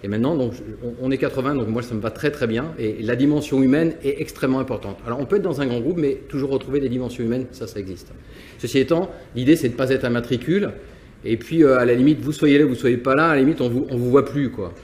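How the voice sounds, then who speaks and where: Speaking fast in a medium-pitched, slightly mellow voice, a business owner from Nantes gives interview answers and personal reflections. He hesitates, restarts many times and repeats words, and a little hiss or hum can be heard.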